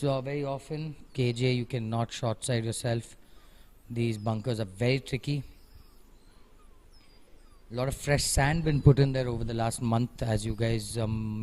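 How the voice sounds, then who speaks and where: A man's voice: mid-range voice, fairly even intonation, moderate pace, darkish tone. A man giving conversational live golf commentary, analysing each shot and offering encouraging remarks.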